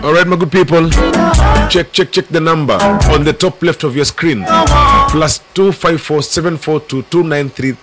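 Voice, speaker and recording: A man's voice: on the high side, fairly even intonation, moderate pace. A man with a Kenyan accent hosting a casual live call-in radio show, playful and often repeating his phrases. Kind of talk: casual live call-in show chat, mixing Swahili slang and English. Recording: loud music behind the voice. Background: loud music.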